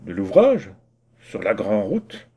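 A man's voice: on the low side, huge pitch swings, slow pace, breathy edge, highs cut off, heavily acted. A man voicing a stern, pompous village mayor in a storybook reading, giving curt, indignant orders.

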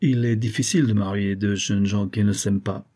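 A sly impostor posing as a surgeon, all false candor and smooth assurance, as a man reads him aloud in an audiobook. The voice is low, dark and husky. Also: fairly even intonation, brisk. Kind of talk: audiobook character reading.

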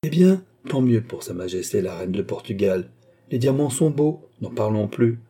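Marie-Antoinette, a mocking queen, read by a husky man. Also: medium pitch, animated, moderate pace, dark tone. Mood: curt. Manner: teasing, laughing, grand. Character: haughty, mocking adult woman queen.

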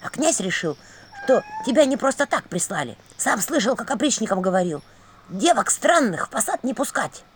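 A secretive old house spirit, voiced by a woman reader, murmuring his warnings in a low, confiding hush. His telling still rises and falls with feeling, a storybook creature leaning in to share what he knows. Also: very animated, normal speed, husky.

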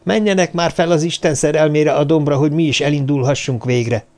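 A man's voice: a little high, steady tone, a little mellow, voice pushed up, close to an everyday voice. A man voicing a frantic adult man leading a search at night, urgent and commanding.

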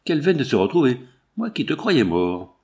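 A man's voice: mid-range voice, sing-song, moderate pace, a little mellow, lightly acted. A man voicing a talkative young working-class mechanic with folksy, exclamatory slang. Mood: hearty.

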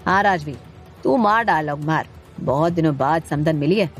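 A woman's voice: deep voice, animated, moderate pace, faint music behind, pitched below the performer's own voice. A woman doing a breezy joking older man. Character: carefree joking older man, never serious.

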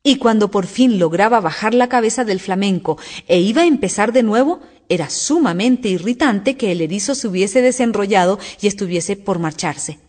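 A woman narrating a children's storybook aloud in an expressive storytelling manner. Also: medium pitch, normal speed, few pauses. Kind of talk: audiobook storytelling.

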